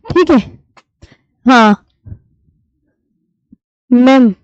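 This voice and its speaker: A woman teaching a live online class, patiently repeating key terms slowly for her students. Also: high-pitched, clean tone, dry recording. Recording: dull lo-fi stream audio.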